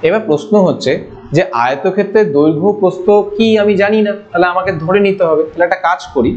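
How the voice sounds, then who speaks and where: A man's voice: high voice, fast talker, darkish tone. A man teaching an online maths lesson over slides. He talks informally, asking his students questions and answering them himself. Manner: informal, addresses students with familiar forms. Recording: dull lo-fi audio.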